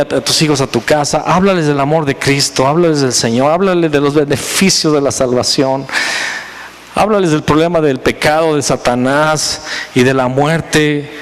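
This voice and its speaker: A pastor with a high, ringing voice delivers an emphatic sermon. His words carry a long reverb through the church hall, and his preaching builds in force. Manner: preaching with rising, emphatic intensity. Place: church sanctuary.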